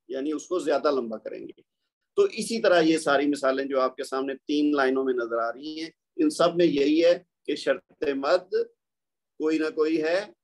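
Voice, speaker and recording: Male teacher, slightly higher voice, patient step-by-step explainer. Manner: patient, explanatory, asks and answers his own questions. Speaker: Quran recitation teacher. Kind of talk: tajweed lesson.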